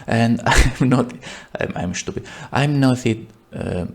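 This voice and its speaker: A man with an Italian accent giving a casual software tutorial, rambling and blunt, with many fillers and self-mocking asides. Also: medium pitch, takes it slowly, gravelly. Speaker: tutorial maker. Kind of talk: casual screen-recorded tutorial.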